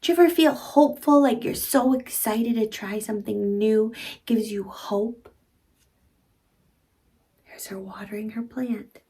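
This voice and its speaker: Speaking directly to the child, a woman in her thirties reads a picture book aloud to young children in simple, teacherly, expressive phrases. Her voice is warm and a little high, a little slow, with frequent pauses.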